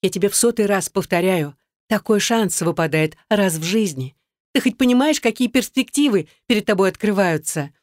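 A woman reading an audiobook voices a pushy, scornful young woman who bosses and mocks her friend, raising her voice higher for the part. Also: animated, normal speed, darkish tone, no room sound, studio quality, natural voice. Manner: bossy, mocking, then coaxing.

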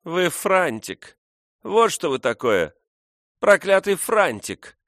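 A man voicing a drunken, bitter young woman of the streets who talks in a shrill, self-pitying way. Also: sing-song, slow pace, a bit bright, no echo, studio quality, exaggerated voice. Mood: scornful.

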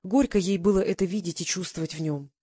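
A calm narrator reading a Russian novel aloud in scripted narration. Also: mid-range voice, quick pace, breathy edge. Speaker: audiobook narrator.

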